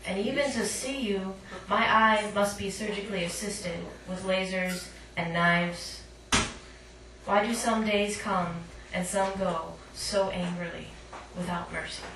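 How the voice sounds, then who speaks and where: A woman poet, the featured reader at a cafe, performs her work live and drops in informal, self-conscious asides. Her mid-range voice is fairly even in intonation and a little slow. The room is echoey, the mic distant, and the noise clear.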